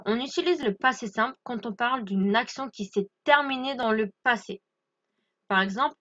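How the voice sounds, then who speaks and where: A woman giving an English grammar lesson, explaining clearly and patiently and checking in with her listeners. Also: fairly high pitch, fairly bright tone, lo-fi sound. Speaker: English teacher. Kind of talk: French-language English lesson.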